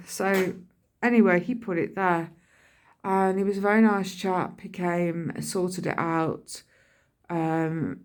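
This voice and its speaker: Chatting in a rambling vlog, a middle-aged British woman shares everyday tales in colloquial language, performing the quotes of people involved. She speaks with a lowish voice.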